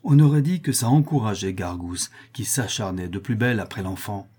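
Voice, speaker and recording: A male audiobook narrator with a husky, mellow voice. He reads in an expressive storytelling manner at a middle pitch. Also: fairly quick.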